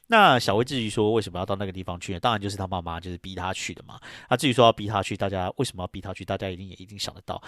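A man's voice: a bit bright, no echo, studio quality. A man hosting a podcast, recapping a film's plot in a rambling, casual way, often trailing sentences with filler phrases and acting out characters' lines. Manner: acts out characters' lines with jumps in pitch. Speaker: podcast host.

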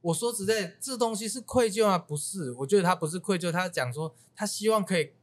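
A middle-aged man from Taiwan, once an army unit commander, looks back on his service in a relaxed chat. His voice sits a little high, and his manner is reflective and agreeable, with frequent chuckles. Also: brisk. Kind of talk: casual chat over drinks.

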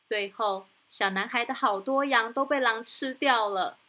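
Bright-voiced woman telling kids' stories. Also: a little high, a little slow. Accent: Taiwanese Mandarin. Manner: gentle, sing-song, addressing children. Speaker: storytelling host. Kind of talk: children's story narration.

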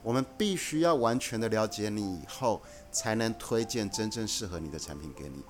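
A man with a fairly low voice talks through his views in a measured, earnest way, as a guest on a casual podcast. Soft instrumental music plays under him. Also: lively intonation. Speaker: guest, company executive.

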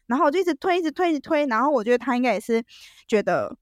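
A woman telling a story as a podcast guest, animated and full of restarts. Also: high voice, racing, no echo, clean studio sound. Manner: animated, acts out quoted dialogue, frequent restarts.

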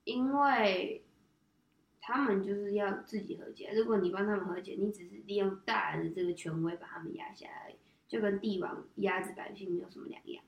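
A woman, the host's daughter, calmly explaining her views in a matter-of-fact way during a casual chat. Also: mid-range voice, brisk, creaky. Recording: roomy, distant, slightly dull sound.

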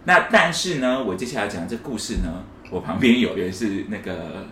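A man's voice: lowish voice, animated, fairly quick, pushed and bright. A man, co-hosting a casual podcast chat and telling a story while acting out the quoted lines. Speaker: podcast co-host. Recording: echoey room, faint hiss.

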